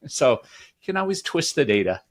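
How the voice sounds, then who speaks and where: A man's voice: on the high side, sing-song, moderate pace. A man on a podcast panel, making wry, joking remarks in casual banter.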